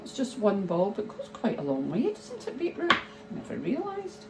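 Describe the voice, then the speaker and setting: A middle-aged woman, chatting slowly and thinking aloud as she preps food in her home kitchen. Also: medium pitch, wildly swooping pitch. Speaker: cooking vlogger. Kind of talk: casual cooking chat. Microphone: phone camera held nearby. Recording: noisy home kitchen ambience.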